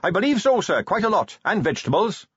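Higher-pitched, earnest Captain Carrot, voiced by a man. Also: very animated, quick pace, a bit bright, husky, no room sound, muffled recording, exaggerated voice. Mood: dutiful, apologetic. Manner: polite, straightforward. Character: earnest, polite young male watch captain. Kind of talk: audiobook character voice.

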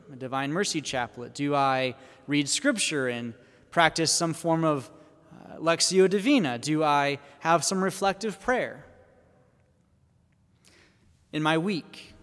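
A priest preaches into a pulpit microphone, taking his time and leaving room between his phrases. His voice sits a little high for a man. His words hang in a long church reverb. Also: a bit bright. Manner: measured preaching, posing questions to the congregation. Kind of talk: Sunday homily.

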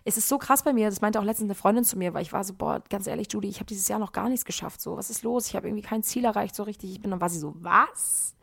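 A woman in her twenties talks quickly and freely into a podcast mic in her kitchen. Her speech is slangy and meandering, full of filler words and street slang. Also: medium pitch, creaky, husky. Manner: slangy, rambling, peppers talk with "Digga". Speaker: podcast host. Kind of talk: casual solo podcast chat. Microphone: podcast microphone.

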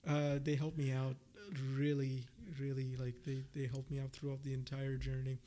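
This podcast guest, a young adult PhD researcher from India who grew up speaking Gujarati, talks freely and casually, frequently restating and reworking his phrases. He has a mid-range, monotone, mellow voice and speaks at normal speed.

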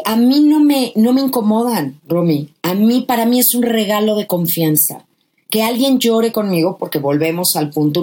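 A woman's voice: lowish voice, mellow. A woman, a guest author giving emphatic, impassioned advice about grief in conversation.

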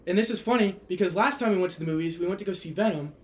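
A man's voice: high-pitched, rapid-fire. A man who is a podcast guest, chatting casually and telling stories with lots of swearing. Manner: animated storyteller, swears freely. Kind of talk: casual chat.

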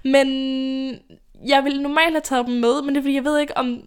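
A woman's voice: sits high, level tone. A young adult woman hosting a casual storytime chat, rambling and chatty, often laughing. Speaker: podcast host.

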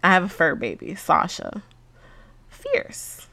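Chatting casually to camera, this vlogger in her late twenties sounds congested and laughs a lot, leaning heavily on fillers. She speaks slowly and animatedly, with a medium-pitched voice and a fairly bright tone.

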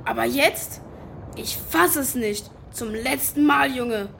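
Commanding, easily outraged sea captain for audio drama, female actor, high voice, theatrical delivery. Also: takes it slowly, creaky, a bit bright, a little hiss or hum, heavily acted. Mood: angry, threatening. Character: indignant male pirate captain, bossy, sauerkraut-obsessed.

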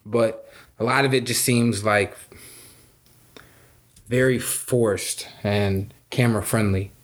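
A man's voice: lowish voice, fairly even intonation, slow pace. A man co-hosting a podcast in laid-back casual chat, swearing and laughing often. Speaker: podcast co-host.

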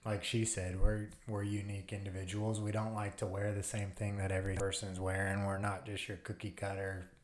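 A man with a deep, low voice talks in a relaxed, casual way, tossing in dry teasing remarks. His voice echoes around the room. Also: a little fast, few pauses. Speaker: podcast guest and brand co-founder. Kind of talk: casual podcast chat.

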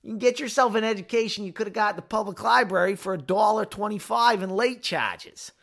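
A man doing a deliberately bad Boston accent to recite a movie line, loud and pitched up. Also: creaky, heavily acted. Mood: mocking. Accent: put-on Boston, done badly.

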